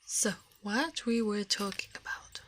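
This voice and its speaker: Speaking close to the mic at a slow pace, a woman running an ASMR livestream uses a medium-pitched, breathy, hushed voice that frequently falls to a whisper.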